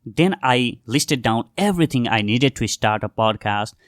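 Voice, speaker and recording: Young man, mid-pitched, earnest solo podcast host talking to "guys", dry close sound. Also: lively intonation, moderate pace, no room sound. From Nepal. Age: young adult. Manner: earnest, addresses listeners directly as "guys". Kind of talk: scripted solo podcast monologue.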